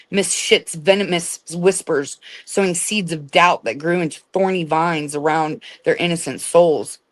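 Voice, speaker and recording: A woman reading a dark fairy tale aloud as a storyteller, stumbling and restarting words now and then. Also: lowish voice, no echo. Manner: reads with slips and restarts. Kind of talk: read-aloud storybook narration.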